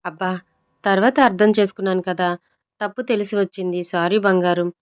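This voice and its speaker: A woman's voice: mid-range voice, fairly even intonation, fairly quick, smooth, highs cut off, lightly acted. A woman voicing a playful young husband in a storybook who pleads and teases. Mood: pleading. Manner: pleading and teasing.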